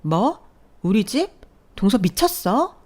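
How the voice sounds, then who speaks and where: A woman's voice: medium pitch, very animated, slow, darkish tone, pitched above the performer's own voice. A woman voicing a self-serving elder sister-in-law who reacts with indignant protests in a story reading.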